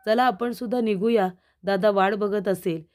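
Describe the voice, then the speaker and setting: A woman's voice: medium pitch, normal speed, darkish tone, lightly acted. A woman voicing a cheerful, courteous young man, reading his lines in a TV serial recap. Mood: friendly. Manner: friendly, courteous.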